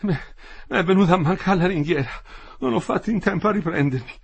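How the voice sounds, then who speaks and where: A man's voice: high voice, very animated, moderate pace, sharp tone, breathy edge, dull audio, voice pushed up, heavily acted. A man reading the part of an older builder, wry and teasing, who later gasps in pain and slips into delirium. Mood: gasping. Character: old weary Florentine builder, dying after a fall.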